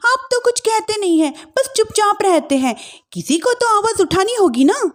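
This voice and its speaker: Woman playing a high-pitched defiant young daughter-in-law. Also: lively intonation, moderate pace. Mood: indignant. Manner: indignant, sharp back-talk. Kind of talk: acted family-drama storytelling.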